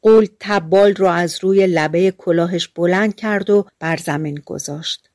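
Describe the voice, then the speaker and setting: Calm woman reading fairy tales aloud. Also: fairly low pitch, dry recording, studio quality. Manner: calm, colloquial storytelling. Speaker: audiobook narrator. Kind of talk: scripted narration of fairy tales.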